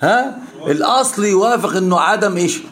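A man with an Egyptian Arabic accent, an Islamic scholar, teaches students an interactive religious lesson and pushes them with question after question. His voice sits high, animated and a bit bright at a fairly quick pace, with slight background noise.

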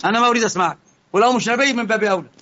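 A man with an Egyptian Arabic accent giving a religious lesson, moving between calm explanation and heated rebuke. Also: high voice, very fast, dull audio. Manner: impassioned, swings from quiet explaining to heated rebuke. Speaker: religious teacher.

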